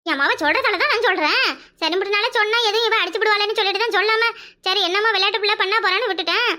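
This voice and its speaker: A woman's voice: very high-pitched, very fast, sharp tone. A woman voicing a suspicious, confiding village mother, with a Kanyakumari Tamil accent.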